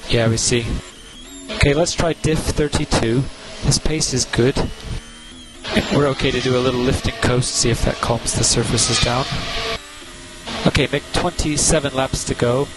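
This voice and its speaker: A man working as a race engineer, giving calm, clipped instructions to a driver over team radio. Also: medium pitch, normal speed, over loud music, rough recording.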